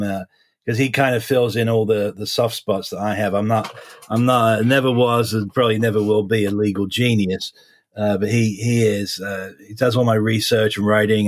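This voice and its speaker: A man in his forties with a slight Essex English accent softened by American years, chatting casually as an interview guest in halting, repetitive phrasing. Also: fairly low pitch. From suburbs of London, England (Essex), then Florida from age 12. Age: 40s. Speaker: guest, criminal defense lawyer.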